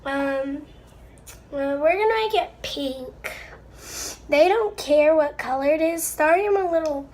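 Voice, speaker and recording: A young girl who makes slime videos chats casually, a little apologetically, to her viewers while crafting at home, rambling along. She's stuffed-up and under the weather, and her voice sits high with a darkish tone and measured pace. The amateur recording is noisy, with clicks.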